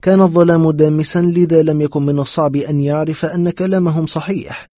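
A man's voice: fairly high pitch, fairly even intonation, fast, mellow, dry recording, clean studio sound. A man narrating a horror story in scripted form, with a tense, dramatic telling.

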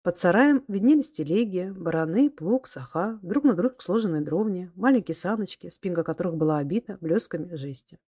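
A woman reading a classic story aloud as audiobook narrator, even and measured. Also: lowish voice, no room sound, studio quality. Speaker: audiobook reader. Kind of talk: scripted literary narration.

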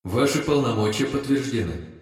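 A man voicing the disembodied computer voice of a starship, giving flat, formal announcements in an audiobook. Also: mid-range voice, normal speed, very echoey, far from the mic, pitched above the performer's own voice. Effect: disembodied voice from all around. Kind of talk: audiobook narration.

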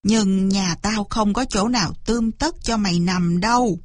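A woman voicing a gruff, impatient older male farmer in a storybook reading. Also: mid-range voice, moderate pace, no echo, close to an everyday voice. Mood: grumbling. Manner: blunt, grumbling.

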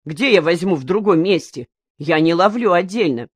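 A woman's voice: fairly low pitch, lively intonation, moderate pace, breathy edge, dry recording, studio quality. A woman reading the part of a stubborn young male fisherman in an audiobook, answering curtly. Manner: stubborn, curt.

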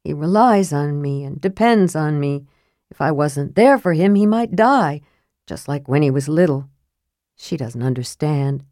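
A woman's voice: sits low, lively intonation, unhurried, warm tone, no echo. An earnest young man, loyal and awkward, who fumbles for words and answers with plain sincerity, as a woman narrator reads him. The voice sits close and dry, with no room around it. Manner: earnest, fumbling, lame replies.

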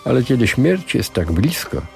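Panicky male cloth merchant, voiced by a man, raised pitch, exclaiming, faint music behind, storybook radio reading. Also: very animated, moderate pace, gravelly, a little mellow. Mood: sobbing. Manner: agitated, exclaiming. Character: frightened male cloth merchant, pleading and tearful.

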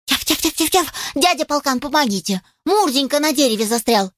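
A woman's voice: high-pitched, expressive, a little fast, no room sound, studio quality, voice pushed up. A woman voicing a loyal young male puppy who begs everyone for help. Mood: pleading. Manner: eager, pleading.

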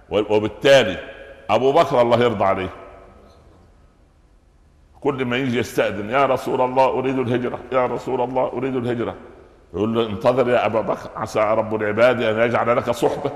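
Egyptian preacher in an echoey hall. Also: male voice, mid-range voice. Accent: Egyptian Arabic. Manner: lively storytelling, asks the audience rhetorical questions. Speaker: preacher giving Quran commentary. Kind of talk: colloquial sermon. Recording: echoey hall with long reverb.

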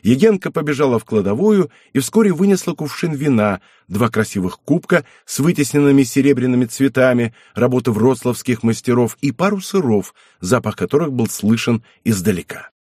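A man narrating an audiobook of a classic novel in an expressive, animated reading. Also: medium pitch, fairly quick, hardly any pauses, breathy edge, dry recording, studio quality.

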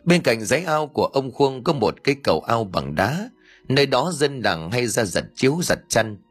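A man's voice: medium pitch, very animated, normal speed, husky, soft background music. A man narrating a scripted ghost story in a dramatic, tense storytelling manner.

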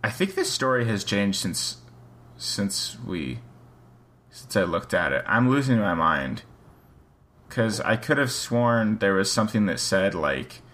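A man with a low but bright voice reads a story aloud and chats about it casually. His pitch moves a lot, rising and dipping as he wanders off and questions himself before getting back on track. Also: big pitch swings, a little slow. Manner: rambling, self-questioning. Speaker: co-host reading a story aloud. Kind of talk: casual chat.

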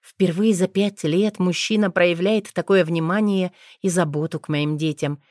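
Reading a first-person audiobook, this narrator has a fairly low voice and keeps a moderate, even pace while staying expressive. Her sound is intimate and dry, free of any room reverb.

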